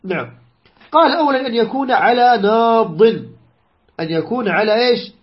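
A man teaching a lesson on jurisprudence, explaining a text unhurriedly, repeating key phrases and pausing with drawn-out "aah" sounds. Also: very high voice, expressive, lo-fi sound.

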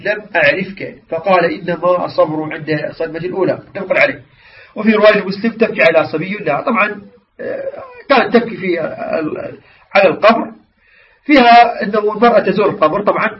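A man teaching a religious lesson, explaining word meanings and asking his class questions. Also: high voice. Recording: distant, dull lo-fi recording.

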